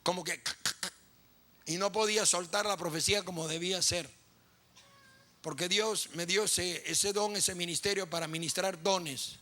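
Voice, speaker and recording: Bright-voiced pastor preaching. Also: male voice, high-pitched, steady tone, normal speed. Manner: impassioned, repetitive preaching with vivid storytelling. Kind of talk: sermon.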